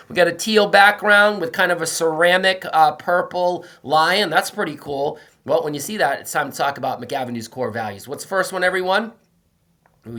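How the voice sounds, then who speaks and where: An upbeat man leads the morning announcements at an elementary school. He speaks to the children in an encouraging, cheerful tone and drops in the odd um. His voice sits at a moderate, middle pitch. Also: fairly bright tone. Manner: encouraging, cheerful, with frequent ums and rising cheers.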